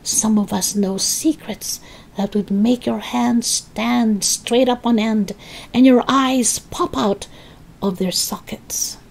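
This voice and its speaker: A woman's voice: a little high, fairly even intonation, slow, gravelly, voice pushed up, exaggerated voice, poor audio. A woman voicing a sinister old grandmother who talks with relish in a throaty, creeping whisper. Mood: whispered menace.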